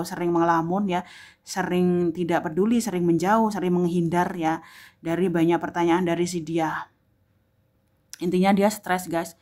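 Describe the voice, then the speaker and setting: A woman's voice: on the low side, darkish tone. A woman giving a casual tarot reading to the viewer, rambling and repeating herself, with many filler words. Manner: rambling, repetitive, fills gaps with "ya" and "gitu loh". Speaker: tarot reader.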